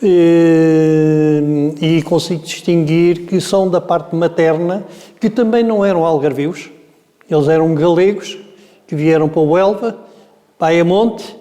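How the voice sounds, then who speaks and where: Mellow-voiced Portuguese man in his seventies. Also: on the high side, steady tone, measured pace, big-room sound. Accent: European Portuguese, Lisbon area. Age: 70s. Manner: meandering, hesitant with frequent filler sounds. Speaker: interviewee. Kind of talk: oral history storytelling.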